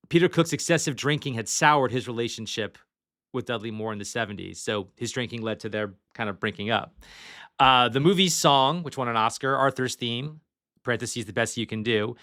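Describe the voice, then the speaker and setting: A man hosting a relaxed movie podcast, with a bright, forward tone. He chats loosely and reads off trivia from his notes. He swears casually as he goes. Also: medium pitch. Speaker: podcast host.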